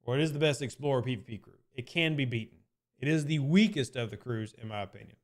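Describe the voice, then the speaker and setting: Speaking at a quick pace in a mid-range voice, this man answers chat questions during a live stream. His style is loose and meandering, full of "I mean" hedges and restated points.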